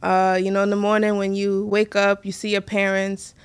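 A woman's voice: mid-range voice, completely flat delivery, smooth. Chatty young woman co-hosting a podcast. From United States. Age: 20s. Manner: chatty, laughs often, quick asides. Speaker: podcast co-host. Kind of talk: casual chat.

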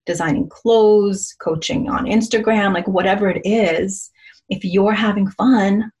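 A woman in her forties hosting a casual motivational podcast as a coach, chatty and upbeat with frequent laughs. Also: on the low side.

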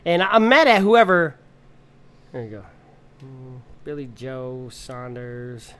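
A man's voice: mid-range voice, takes it slowly, a bit bright. A man co-hosting a casual podcast, laughing often as he reads news aloud. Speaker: podcast co-host. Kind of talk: casual chat.

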